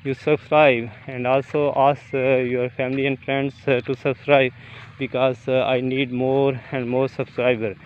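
A man vlogging outdoors on a golf course while walking, talking haltingly with many fillers into a phone camera. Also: mid-range voice, level tone, lo-fi sound, a little hiss or hum. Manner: halting, many fillers, non-native phrasing. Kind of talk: walking vlog, reciting prayers then casual talk. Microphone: phone camera held while walking.

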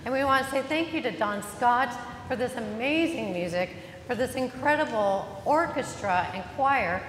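A woman's voice: a little high, lively intonation, normal speed, fairly bright tone, a little hiss or hum. A woman pastor giving an Easter sermon in a church, chatty and joking as she welcomes the congregation. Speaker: interim pastor. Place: church sanctuary. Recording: reverberant church hall, faint ambience.

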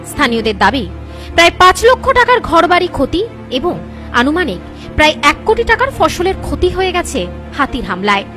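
Young woman, news presenter, Indian Bengali accent, high lively voice, scripted narration, faint music behind. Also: brisk.

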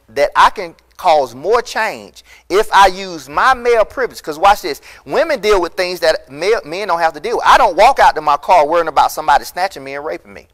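A lapel mic records a middle-aged pastor with a fairly high-pitched voice as he preaches in an empty church hall. His sermon is emphatic and impassioned, surging to loud peaks.

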